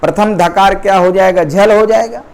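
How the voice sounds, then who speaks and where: A man's voice: high-pitched, steady tone, creaky, a little mellow. A man teaching Sanskrit grammar, explaining rules step by step and often checking that students follow. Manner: slow, deliberate, checks understanding often.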